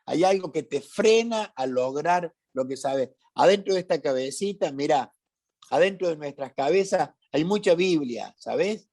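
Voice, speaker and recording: A man from Córdoba with a Cordobese Argentine accent preaches a sermon to his congregation in a church meeting hall. His voice is a little high and a little mellow, animated at normal speed. He is emphatic, full of rhetorical questions and repeated phrases.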